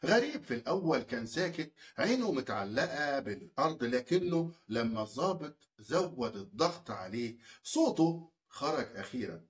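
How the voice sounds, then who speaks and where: A man with an Egyptian accent tells a dark crime story, his pitch swinging widely as he builds the suspense. His delivery is lively and dramatic. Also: moderate pace.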